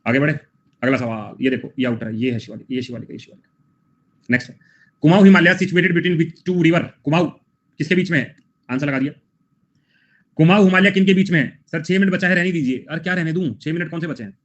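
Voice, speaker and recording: A young man leads a relaxed online class, chatting and joking with his students between quiz questions. His voice sits a little high. The sound is muffled and lo-fi. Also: fast, pauses often. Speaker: teacher. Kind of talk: live online class, casual Hindi teaching. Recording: dull lo-fi sound.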